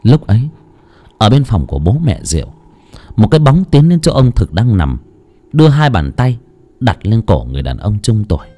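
A man's voice: on the low side, big pitch swings, normal speed, warm tone. A man narrating an audiobook expressively. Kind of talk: storytelling narration.

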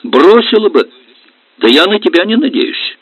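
A man voicing a bitter young wife and schoolteacher in a high, strained voice, reading an audiobook. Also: sing-song, unhurried, fairly bright tone, no room sound, exaggerated voice. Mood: reproachful. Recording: dull lo-fi recording.

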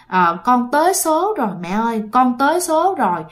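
A woman with a Southern Vietnamese accent speaking as the ghost of a young man who talks gently and consolingly to his family. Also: high-pitched, sing-song, normal speed. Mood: pleading.

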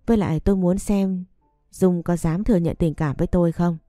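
A woman reading the lines of a calm, firm young male noble in a measured, gentle way. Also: on the low side, no echo, natural voice. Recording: dry close recording, faint music behind.

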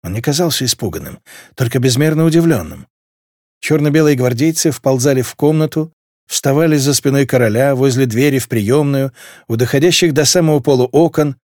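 A man reading a novel aloud as an audiobook narrator, with expressive, varied storytelling. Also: medium pitch, brisk, no room sound, studio quality. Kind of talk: scripted narration.

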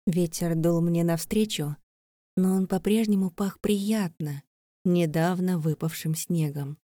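A woman's voice: fairly low pitch, a little slow, dark tone, no echo. A woman narrating a first-person fantasy audiobook in a tense, breathless, dramatic way.

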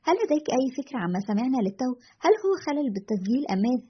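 A woman's voice: high-pitched, expressive, rapid-fire, husky. Woman doing a frightened young woman caller. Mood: anxious. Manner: anxious, pleading. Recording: dull lo-fi recording.

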